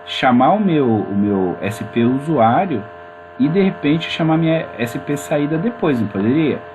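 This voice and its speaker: A man talks viewers through a coding tutorial, loose and chatty. His pitch swings up and down all the time. A steady mains hum runs under his voice. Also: a little slow. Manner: chatty and informal, addresses viewers as gente. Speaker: programming teacher. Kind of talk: screen-recorded coding tutorial.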